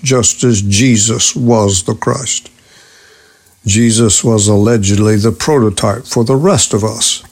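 A middle-aged man giving a scripted radio teaching on faith, measured and deliberate, citing scripture references. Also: mid-range voice, darkish tone.

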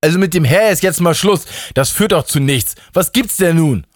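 A man doing the voice of a stressed, drug-addled, irritable God in a storybook reading, talking in a rambling, exasperated way with a lively pitch. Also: moderate pace, no echo, clean studio sound, natural voice.

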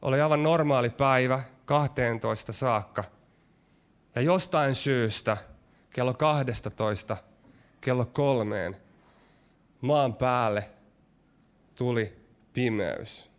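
A man preaching a sermon, his delivery shifting between quick, pressing stretches and slow, hushed lines. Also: medium pitch, clean tone. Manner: varied delivery, rushing ahead then dropping to slow, hushed lines.

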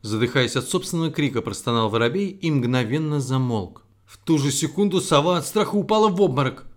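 Dad storyteller reading a kids' tale, slightly high, very lively pitch. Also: male voice, brisk. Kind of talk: reading a children's fairy tale aloud.

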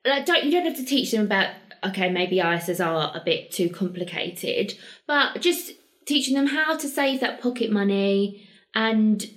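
A woman's voice: medium pitch, animated, moderate pace, a bit bright. A young British woman co-hosting a podcast in a casual, conversational way, reasoning things through as she explains them. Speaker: podcast co-host.

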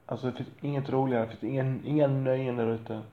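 A man's voice: mid-range voice, steady tone, roomy sound, lo-fi sound. A man talking frankly about being a father, in a blunt, profane and rambling way with self-deprecating asides. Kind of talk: candid monologue.

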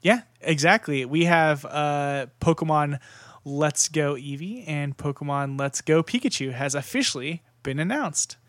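A young man hosts a casual podcast, talking in a somewhat high voice. He rambles warmly with fillers and restarts. The sound is dry and close. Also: unhurried, dry recording. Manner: chatty, lots of fillers and restarts. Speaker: podcast host. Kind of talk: casual chat.

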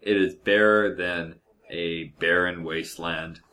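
Deep-voiced deadpan man on a podcast. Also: a little slow. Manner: deadpan, rambling jokey delivery. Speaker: podcast co-host. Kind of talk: casual podcast chat. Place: office. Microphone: podcast mic.

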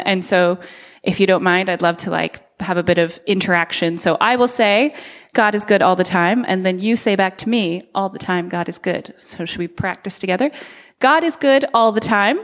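An earnest woman from the States in her thirties speaks to a church crowd, friendly and open, stopping often on soft uhs. Her voice carries through a big hall with a long reverb tail. The pitch sits mid-range for a woman. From United States. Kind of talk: presentation to a church congregation.

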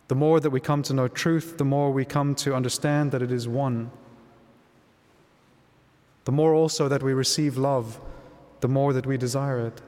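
Man, priest, calm measured preaching, mid-pitched voice, long cathedral echo trailing each phrase. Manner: calm and measured, with some restarts in the homily. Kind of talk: gospel reading and homily at Mass. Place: large church. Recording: long reverb of a large church.

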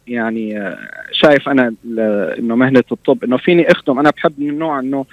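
A man's voice: medium pitch, dry recording, dull audio. A man in his fifties from Syria with a Levantine Arabic accent, answering interview questions conversationally and often searching for his words. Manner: hesitant, searching for words with trailing repeats. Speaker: interview guest, doctor.

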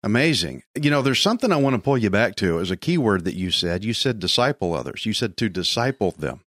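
A man's voice: on the low side, sing-song, quick pace, fairly bright tone, dry recording, clean studio sound. A man hosting a faith talk show, interviewing a guest in an encouraging, affirming way.

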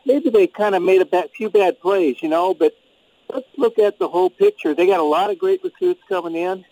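A man's voice: sits high, very animated, a little fast, gravelly, dark tone, low-quality recording. Older man calling in on speakerphone. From St. Louis, US. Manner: rambling and friendly, with many ums and you-knows. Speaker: radio call-in caller. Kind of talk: casual call-in chat. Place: outdoors in a swimming pool.

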